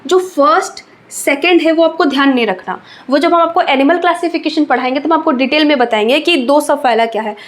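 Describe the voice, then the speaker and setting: A young woman with a high voice gives an exam-prep biology lecture. She talks patiently and repeats each key term slowly, checking in with her students after every point. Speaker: teacher.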